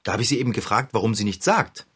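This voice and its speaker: A man playing an indignant young male friend who tells his grievance animatedly, with big jumps in pitch. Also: lively intonation, quick pace, a bit bright, breathy edge.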